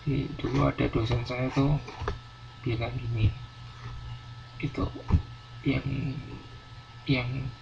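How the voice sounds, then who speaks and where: A male university lecturer with a creaky, medium-pitched voice teaches a class, explaining patiently, repeating words, and using many fillers. The classroom recording is dull and lo-fi, with faint background noise.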